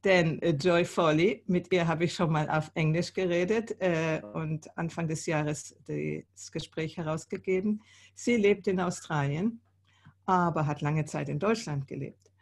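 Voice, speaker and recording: Sixties woman, show host, relaxed conversational interviewer on a video call. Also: low-pitched, a little slow. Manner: conversational, thinking aloud with fillers. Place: indoor room.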